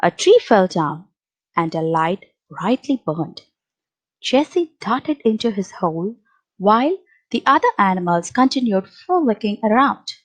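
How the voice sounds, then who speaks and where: A woman reading a children's picture book aloud, with slow, expressive storytelling. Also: medium pitch, poor audio.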